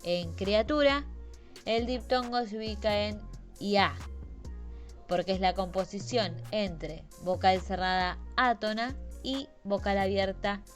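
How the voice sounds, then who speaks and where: A woman teaching a Spanish grammar lesson, explaining slowly and carefully and stressing each example word. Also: mid-range voice, soft background music.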